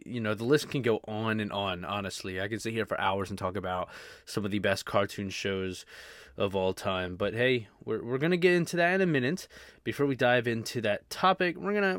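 A man hosting his own podcast in casual solo chat, rambling and halting, with many fillers and restarts. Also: on the low side, a bit bright, no echo, clean studio sound. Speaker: podcast host.

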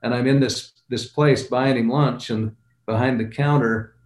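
A man's voice: mid-range voice, fairly even intonation. An older man, a guest, earnestly recounting his early struggles in business. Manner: earnest, unhurried recollection. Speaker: guest entrepreneur. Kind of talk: personal storytelling. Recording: roomy echo.

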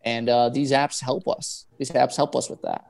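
A man in natural, unscripted conversation at an average pitch. He speaks haltingly and wanders through his thoughts, restarting as he goes, in the loose casual style of a chef guesting on a talk show. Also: vocal fry. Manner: halting, rambling, animated storytelling with acted-out quotes.

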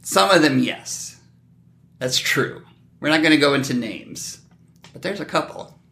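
A middle-aged man hosts a casual comedy podcast. His voice is bright and punchy, pitched a little high for a man. He banters in an animated, mock-defensive, joking way. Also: a little slow, gravelly, reverberant. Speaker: podcast host.

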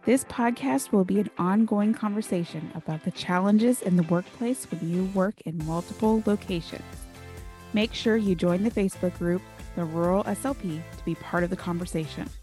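A woman's voice: on the low side, normal speed, dark tone, faint music behind. A woman podcast host reading a scripted introduction to her show.

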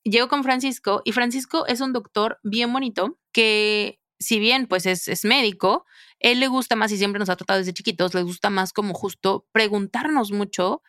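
A woman hosting a podcast, telling a personal story in a chatty, expressive way with lots of filler phrases. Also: mid-range voice, moderate pace, dry recording, clean studio sound. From Mexico. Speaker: podcast host.

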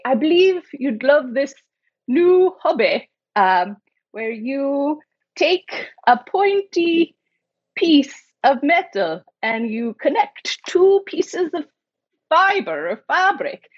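A woman's voice: fairly low pitch, very animated, slow pace, slightly rough, no room sound, muffled recording, pitched below the performer's own voice, heavily acted. A woman voicing a male ogre with a failing Scottish accent, patiently explaining. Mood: coaxing.

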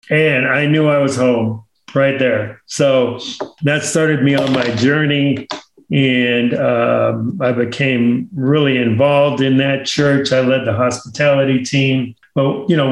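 A man sharing his faith testimony as a guest in casual talk, earnest and unhurried, with many fillers. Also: medium pitch. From Omaha area. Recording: roomy echo.

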